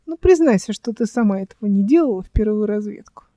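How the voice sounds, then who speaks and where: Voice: mid-range voice, lively intonation, quick pace, warm tone, dry recording, close to an everyday voice. An audiobook reader voicing a cheeky young man pilot who talks playfully and teases his captain. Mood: teasing. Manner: playful, teasing.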